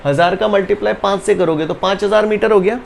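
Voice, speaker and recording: A man teaching physics in a high, gravelly voice, speaking. He coaxes and teases his students, checks over and over that they follow, and leads them in rote chants. A faint hiss of noise sits under the recording. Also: fairly even intonation, quick pace. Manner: teasing, repeats questions to students, drills chants. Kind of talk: online class lecture.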